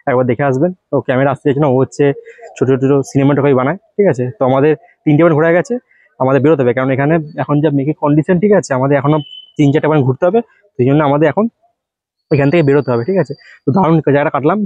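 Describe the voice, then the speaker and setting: Fast-talking guy vlogging a temple walk, mellow voice, dull lo-fi sound. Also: fairly high pitch, no room sound. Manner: rapid chatty guiding, addresses viewers directly. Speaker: travel vlogger host. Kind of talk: casual walk-and-talk travel vlog. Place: temple grounds, walking around.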